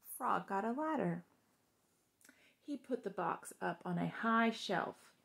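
A woman's voice: medium pitch, animated, slow pace, creaky, fairly bright tone. A young adult woman reading a children's story aloud, with simple explanatory asides to young listeners. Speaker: storytime reader. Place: small living room, on a couch indoors.

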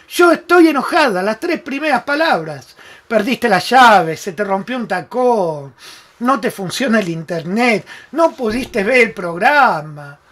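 A man's voice: high-pitched, a bit bright. A man with an Argentine Spanish accent hosting a live-streamed self-help talk, emphatic and affectionate, calling viewers by name. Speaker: spiritual talk show host.

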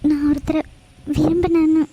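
A woman voicing a tearful, halting young wife. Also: high voice, level tone, dark tone, slight background noise, lightly acted, poor audio. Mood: distressed. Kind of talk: cartoon voice acting.

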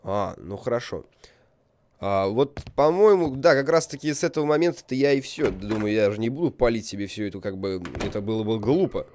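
A man's voice: on the low side, lively intonation, fairly quick, darkish tone, slight background noise. A young man giving casual, rambling, jokey video game commentary, reacting aloud and reading on-screen text. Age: young adult. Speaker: video game let's player.

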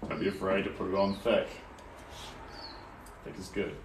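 His low voice is completely flat in delivery at a moderate pace. A young adult from Tauranga, New Zealand, he chats casually and encouragingly while painting on a livestream and reading viewers' comments, recorded in a small art studio by a distant camera or phone, with room echo and faint noise.

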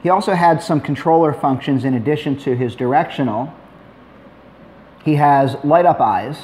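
A middle-aged man narrating a hands-on tutorial in a relaxed, plainspoken way, with dry asides. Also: on the high side, normal speed, slight background noise. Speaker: maker demonstrating a robot build.

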